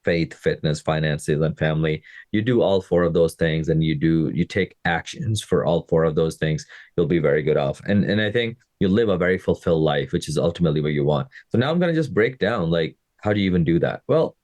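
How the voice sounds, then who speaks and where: A man in his thirties from Pakistan speaks in a low, deep voice on his podcast. He coaches fitness and talks casually to his listeners, often checking in with them. The recording is close and dry, with no room sound. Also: a little fast, hardly any pauses, a little mellow, no room sound. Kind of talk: casual motivational podcast monologue.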